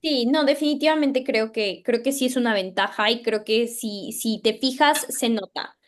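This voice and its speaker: A young Mexican woman with a Mexican accent, a medical resident answering interview questions in a measured, thoughtful way with frequent fillers. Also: a little high.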